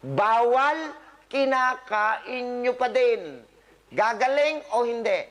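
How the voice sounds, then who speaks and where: A man's voice: very high voice, expressive, slow, a bit bright. A man, a doctor, giving a live talk to patients, scolding them with humor and quizzing the audience. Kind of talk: live motivational health talk.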